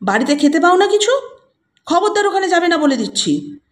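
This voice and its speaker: A woman's voice: very high voice, very animated, fairly quick, voice pushed up. A woman voicing a stern, protective mother who scolds in a firm way. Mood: scolding. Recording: roomy echo.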